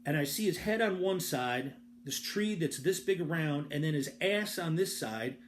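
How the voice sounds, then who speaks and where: A man's voice: a little high, lively intonation, moderate pace, a little hiss or hum. A man casually telling a rambling personal story, profane and self-deprecating, with comic exaggeration and frequent restarts. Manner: frequent restarts and filler words. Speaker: storyteller host.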